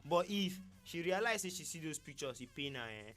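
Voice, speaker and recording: A man's voice: fairly high pitch, expressive, fairly quick, a bit bright, soft background music. A man with a Nigerian accent speaking Nigerian Pidgin, giving his opinions casually as a radio panellist.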